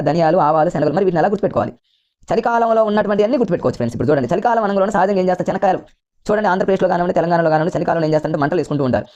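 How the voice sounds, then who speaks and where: A man with a Telugu accent runs an exam coaching lesson at a breakneck pace, his mellow voice coming through a dull, lo-fi recording. He keeps repeating points and calls his listeners friends. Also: high voice. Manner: rapid, repetitive, keeps addressing listeners as friends. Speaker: teacher.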